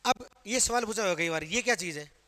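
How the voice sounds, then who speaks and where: A man's voice: high voice, lively intonation, brisk, bright, forceful tone. Man, Rajasthani Hindi accent, classroom lecture, asks and answers his own questions, reverberant hall. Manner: quizzing students with questions he answers himself. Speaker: teacher.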